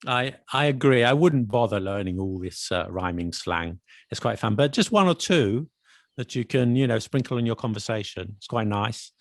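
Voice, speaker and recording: A man's voice: medium pitch, lively intonation, moderate pace, no room sound. A man co-hosting a casual podcast chat, quizzing his co-host on slang in a playful, dry manner.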